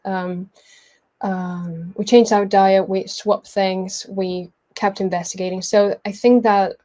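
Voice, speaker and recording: A woman in her early twenties from Mallorca, Spain, shares her own life story as a guest, chatty and self-effacing in an informal way. She speaks with a Spanish accent in a medium-pitched voice with a darkish tone.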